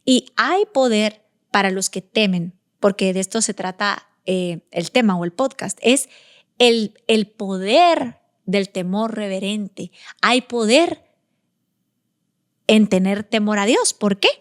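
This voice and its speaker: A woman's voice: mid-range voice, animated, takes it slowly. A young adult woman from Guatemala hosting a devotional podcast, telling an earnest, emotional testimony and acting out her prayers. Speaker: podcast host.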